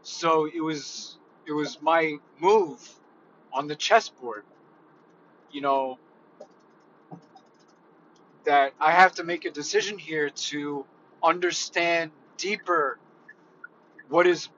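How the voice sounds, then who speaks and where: Hesitant man vlogger, slow and bright-toned, lo-fi recording. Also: on the high side, slight background noise. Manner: hesitant, halting, heavy on fillers. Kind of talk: casual reflective monologue.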